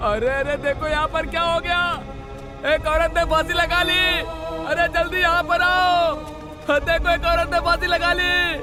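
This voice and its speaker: An actor playing a panicked village man shouting for help in a Hindi film dub. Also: extremely high pitch, little pitch movement, measured pace, long pauses, over loud music. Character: frantic grieving village man.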